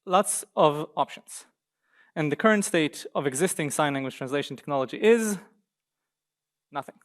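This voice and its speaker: A man's voice: fairly high pitch, moderate pace. Upbeat man giving a seminar talk. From Israel. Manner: lively, joking aside to the audience. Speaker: guest speaker. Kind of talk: conference talk with slides. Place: university seminar room.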